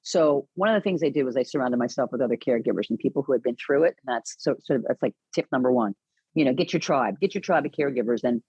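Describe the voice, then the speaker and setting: A woman guest on an interview podcast, telling a personal story in an earnest, animated way with many restarts. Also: very deep voice, fast, slightly rough, no echo, highs cut off. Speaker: podcast guest, caregiving advocate.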